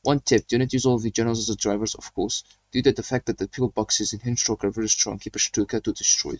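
Here his voice sits lowish, with fairly even intonation and a quick pace, recorded lo-fi with no room sound. The young gaming host, whose first language isn't German, chats and rambles as he plays, reading the mission briefings out loud in casual commentary.

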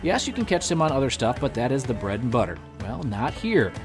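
A man's voice: mid-range voice, big pitch swings, fairly quick, over music. A man narrates an outdoors show as its host, upbeat and enthusiastic. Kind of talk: scripted narration.

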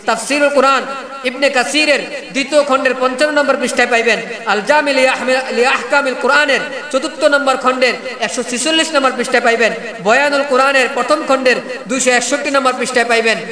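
A man's voice: fairly even intonation, fast talker. A man preaching a sermon to a crowd, asking the listeners again and again whether they follow him. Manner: high-pitched, rhetorical, keeps asking the crowd if they understand. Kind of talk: Bengali waz sermon. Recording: echoey hall with a loud crowd.

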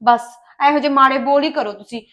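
A young wife, acted by a woman, argues back in high, rapid Punjabi-accented speech. She mixes pleading with sharp, indignant comebacks. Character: defiant young wife craving meat.

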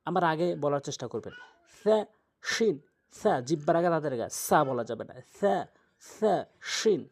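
A man's voice: on the high side, expressive, moderate pace. A man teaching Quran reading step by step. He patiently drills each letter sound, repeating it several times. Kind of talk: step-by-step pronunciation lesson.

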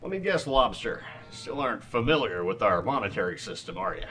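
An actor playing a boisterous, hungry superhero who talks in a hearty, folksy way in a restaurant. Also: male voice, lowish voice, sing-song, fairly quick, a bit bright, slight background noise.

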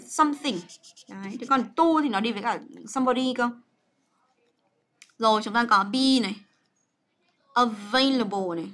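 A woman's voice: a little high, a bit bright. A young woman teaching English grammar on a livestream, chatty and coaxing, full of fillers and checks with her students.

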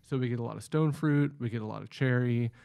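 A man who is the production manager at a distillery, explaining at length in a measured, casual podcast chat with frequent ums. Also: medium pitch, gravelly, mellow, clean tone. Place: indoor studio at a table.

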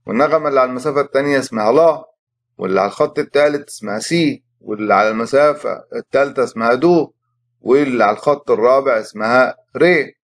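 A man with an Egyptian Arabic accent teaches a music lesson at a medium pitch. He explains patiently, step by step, and slows down to chant rhythm syllables and note names.

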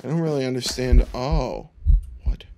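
A man's voice: mid-range voice, animated, normal speed, gravelly, noisy background. A man giving casual, jokey commentary while playing a horror game, with dry sarcastic asides. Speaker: video game streamer.

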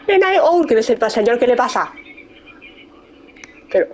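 A woman's voice: fairly high pitch, animated, unhurried, darkish tone, slight background noise, low-quality recording. A young woman from Spain chatting casually over a video game, scolding enemies, swearing and exclaiming. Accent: Spain Spanish. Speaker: gaming streamer. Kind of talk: casual let's-play commentary.

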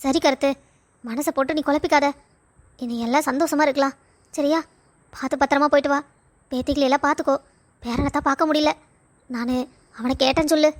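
Cast: woman as a doting old village grandmother, high and quick, fussing and pleading, cartoon story. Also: steady tone, close to an everyday voice. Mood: tender. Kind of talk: animated story voice acting.

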